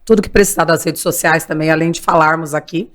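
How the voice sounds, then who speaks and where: A woman's voice: sits low, steady tone, fast. A woman co-hosting a podcast in a playful, teasing way. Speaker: podcast co-host. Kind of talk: casual podcast chat.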